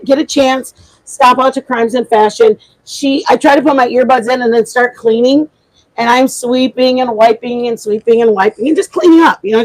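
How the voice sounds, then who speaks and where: Broadcasting a casual chat from home by the kitchen, a livestream host talks in a high-leaning, slightly mellow voice. She sounds congested and meanders along, restarting often. The recording is rough.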